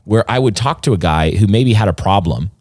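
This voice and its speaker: A man with a fairly low voice talks as a pastor in a casual podcast conversation. He explains earnestly and at length, restarting sentences as he goes. The sound is dry and close, with no room around it. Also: expressive, fairly quick, a little mellow, no room sound.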